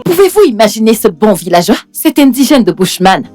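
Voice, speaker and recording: A woman's voice: on the high side, big pitch swings, brisk, mellow, faint music behind. A woman playing a haughty, short-tempered young mistress of the house in a dubbed film drama, indignant, scolding and repeating herself. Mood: scornful, irritated.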